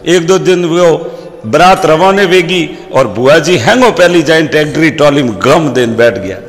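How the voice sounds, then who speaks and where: A man's voice: fairly high pitch, moderate pace. Rajasthani-accented man telling comic stories. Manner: proverb-quoting, voices characters. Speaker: comedian. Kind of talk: folksy comic storytelling. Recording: long hall reverb.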